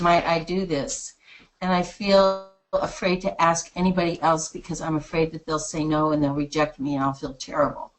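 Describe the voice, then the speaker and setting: Woman participant on a call; low voice, hesitant and halting. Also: low-quality recording. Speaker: course participant. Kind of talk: sharing on a group call. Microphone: online conference call.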